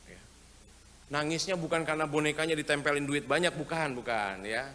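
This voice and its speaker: A pastor delivers a lively sermon and acts out the voices of the people in his stories. His voice is bright and sits a little high for a man. The sound rings with the long reverb of a large church hall, over a faint hiss. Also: a little fast. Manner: humorous, lively storytelling with acted quotes. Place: church sanctuary.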